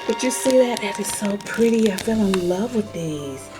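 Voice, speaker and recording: A woman's voice: medium pitch, expressive, moderate pace, music in the background. A woman chatting casually as she shows off gift baskets, filming with a camera she holds herself. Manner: chatty, repeats herself, many fillers. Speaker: lifestyle vlogger showing gift baskets. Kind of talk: casual show-and-tell vlog. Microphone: handheld camera she operates herself.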